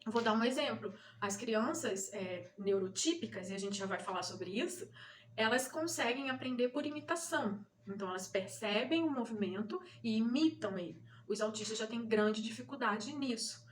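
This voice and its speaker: A woman's voice: a little high, lively intonation, moderate pace, a little hiss or hum. A woman from Brazil, a mother and channel host, explaining terms to parents in a patient teaching manner, often checking in with listeners. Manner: didactic, repeats key points, checks in with "né?" and "tá?".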